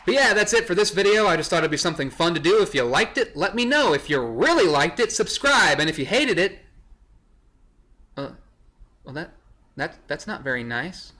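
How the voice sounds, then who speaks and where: A man's voice: sits high, sing-song, fast, few pauses, bright, forceful tone. A young man reacting to a list with sarcastic, rambling commentary that corrects itself as it goes. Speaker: vlogger. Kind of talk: casual commentary reading a list.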